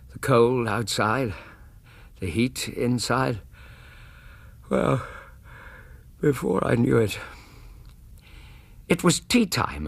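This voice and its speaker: A male actor playing a genial Victorian doctor, narrating wryly with a husky British voice in a radio drama. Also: on the low side, no room sound, full character voice. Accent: British English. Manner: measured, wry storytelling. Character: genial, wry Victorian gentleman doctor recounting cases.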